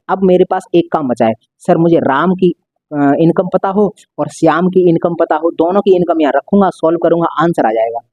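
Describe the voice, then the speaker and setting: A man's voice: a little high, warm tone, no room sound, dull audio. A male maths teacher explaining a lesson step by step, repeating and stretching out key words.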